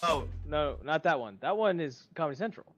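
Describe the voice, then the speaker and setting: A man's voice: on the high side, lively intonation, fairly quick, music in the background. A young man in a squad voice chat, teasing and joking with his friends over a headset. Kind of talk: casual gaming banter.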